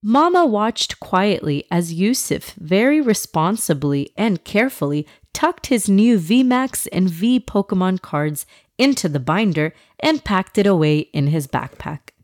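Female kids' podcast storyteller. Fireside narration, slow pace, very animated intonation. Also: mid-range voice, no room sound, studio quality. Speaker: children's podcast host and storyteller.

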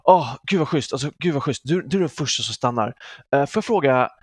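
A man's voice: mid-range voice, lively intonation, breathy edge, no echo, studio quality. A man imitating a pushy young male street fundraiser who pleads eagerly. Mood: pleading.

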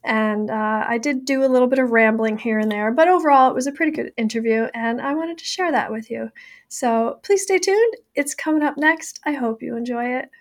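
A middle-aged woman with a raspy, hoarse voice from a cold, hosting a podcast and chatting in a rambling way. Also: high voice, a little fast. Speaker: podcast host and psychiatry professional. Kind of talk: podcast intro and interview chat.

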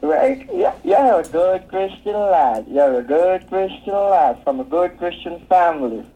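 A man's voice: high-pitched, very animated, a little slow. A man on a phone call who stumbles and repeats his words, a scam caller.

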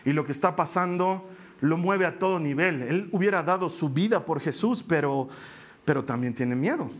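Male preacher, high voice, animated storytelling, jokey sermon. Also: moderate pace.

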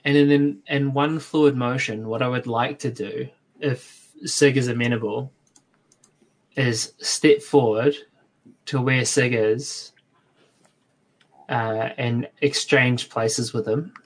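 A man playing in a tabletop game, describing his character's actions in halting, restarting phrases. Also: medium pitch, steady tone. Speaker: player.

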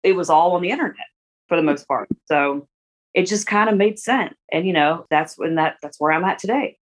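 A woman's voice: on the low side, brisk. A woman in her forties, a guest in a casual interview, talking in a rambling way with many restarts and fillers. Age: 40s.

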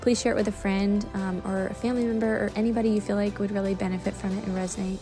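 A woman's voice: medium pitch, flat delivery, rapid-fire, warm tone, soft background music. A woman in her thirties hosting a podcast, talking casually and encouragingly in a chatty, informal way. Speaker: podcast host. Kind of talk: casual solo podcast talk with tips. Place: outdoors.

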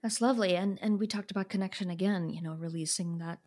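Husky, lowish-voiced woman podcast host. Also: a little mellow. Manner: halting, repeats words for emphasis. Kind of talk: conversational interview hosting.

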